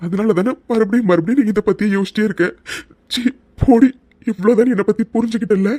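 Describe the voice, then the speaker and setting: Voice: medium pitch, fast, darkish tone, no room sound, lightly acted. A performer voicing a devoted young husband in a cartoon love story, coaxing and emotional, at times crying. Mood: hurt pleading. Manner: coaxing, then breaking into tears. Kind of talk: cartoon voice acting.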